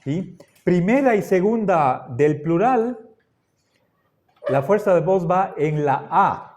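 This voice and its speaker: A man teaching a Latin grammar lesson, speaking slowly and deliberately, repeating word forms and often checking that the class follows. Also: high-pitched, expressive, darkish tone. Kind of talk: classroom lecture.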